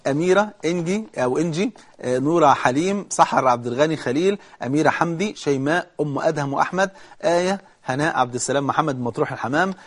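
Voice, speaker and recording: A man's voice: fairly high pitch, quick pace. A man with an Egyptian Arabic accent giving a religious talk, reading out a long list of names and offering prayers, rising to fervent emphasis. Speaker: preacher.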